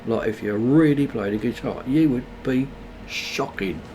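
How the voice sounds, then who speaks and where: Tired bloke taking the mick out of game ads, mid pitch, bit of hiss behind. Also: male voice, a little slow, dark tone. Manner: sarcastic, mocking. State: tired, yawning. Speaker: game streamer. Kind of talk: casual live-stream commentary on ads.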